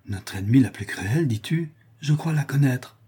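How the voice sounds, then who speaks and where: A man's voice: mid-range voice, lively intonation, moderate pace, dark tone, husky, voice pushed up. A man reading the part of an anxious noble mother who pleads with her son, his voice lifted a little. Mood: anxious pleading. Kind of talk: audiobook character voice.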